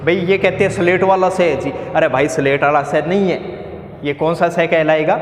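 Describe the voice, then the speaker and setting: A man teaching a Hindi grammar lesson for exam coaching, asking questions and answering them himself while chanting letter sounds. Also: a little high. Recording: echoey room with long reverb.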